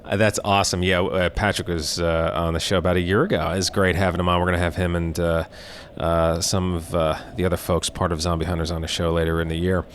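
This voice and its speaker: A man with a low voice hosts a horror-themed interview show in a casual, appreciative way. His phrasing is hesitant and drawn out. Some faint noise sits in the recording. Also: level tone, fast.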